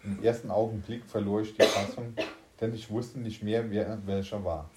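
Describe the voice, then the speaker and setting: Low-voiced man reading aloud in an echoey room. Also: steady tone, normal speed, darkish tone, a little hiss or hum. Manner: unpolished reading with slips and restarts. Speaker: story reader. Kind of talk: reading a science fiction story aloud.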